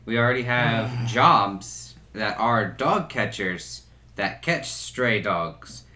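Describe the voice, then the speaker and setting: A young man co-hosting a podcast, explaining his points in a measured way during casual chat. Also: mid-range voice, sharp tone, roomy sound, slight background noise. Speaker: podcast co-host.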